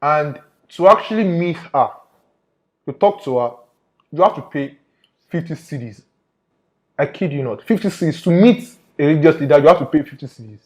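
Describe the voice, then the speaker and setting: A man's voice: fairly high pitch, lively intonation, moderate pace, pauses often, darkish tone, low-quality recording. A man giving an informal investigative report to viewers, emphatic and often repeating his phrases. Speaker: undercover investigator presenter.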